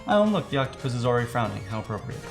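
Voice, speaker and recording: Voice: mid-range voice, sing-song, very fast, creaky, music in the background. A guest in their early twenties chatting casually and a little self-deprecatingly while painting. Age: 20s. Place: studio set with a table.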